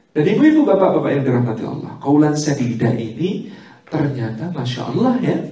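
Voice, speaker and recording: A man's voice: medium pitch, dark tone. A man giving an Islamic talk on parenting to an audience, telling stories and acting out what parents and children say. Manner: storytelling, acting out parents and children in quoted lines. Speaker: Islamic preacher. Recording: roomy hall, mic from far off.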